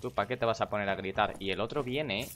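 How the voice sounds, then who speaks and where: Fast and low-voiced, a young man livestreams from his home computer, tossing out profane, chatty remarks about his game. Between mutters to himself he greets the chat viewers. Faint noise in the background and keyboard clicks bleed into the mic.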